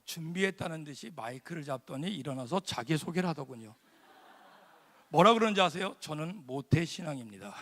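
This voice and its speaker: A male pastor preaching a lively sermon, telling stories, shouting some lines and quizzing the congregation. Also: on the high side, fairly quick. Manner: animated storytelling, shouting lines, asking the congregation. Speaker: guest pastor. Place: large church sanctuary. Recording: long church hall reverb.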